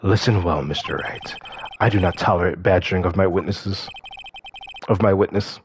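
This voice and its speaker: A man's voice: sits low, normal speed, noisy background, pitched below the performer's own voice. A man voicing a stern, arrogant older prosecutor who speaks in clipped, commanding phrases. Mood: haughty.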